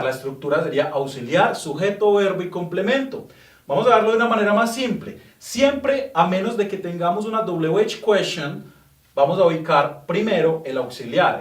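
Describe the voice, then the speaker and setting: A man giving a patient, explanatory English grammar lesson, repeating example sentences slowly. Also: a little high, echoey room, far from the mic. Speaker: English teacher.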